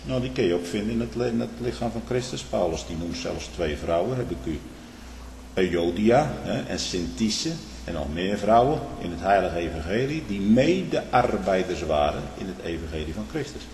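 A man preaching a fervent sermon, emphatic and full of rhetorical asides, swinging between hushed and loud. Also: deep voice, expressive, moderate pace. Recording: echoey hall with faint background noise.

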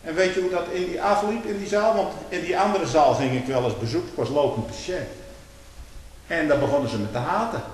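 An older man with a somewhat high voice delivers a fiery sermon. He drops to hushed, quick storytelling, then rises to loud, drawn-out condemnation. The sound rings through a big echoey hall with long reverb. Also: slight background noise. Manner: swings from hushed storytelling to loud, slow denunciation. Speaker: preacher.

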